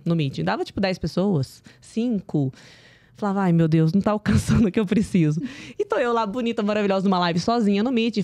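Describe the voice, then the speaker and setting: A woman, a nutritionist guest on a podcast, telling a story in animated casual chat and acting out the dialogue. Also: fairly low pitch, no room sound. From Brazil. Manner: animated, acts out quoted dialogue.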